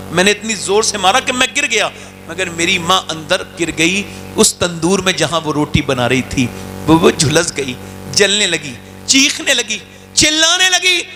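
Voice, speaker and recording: High, bright-voiced dramatic preacher man. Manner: dramatic, acts out quoted voices with big pitch swings. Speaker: Islamic preacher. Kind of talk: emotional sermon storytelling.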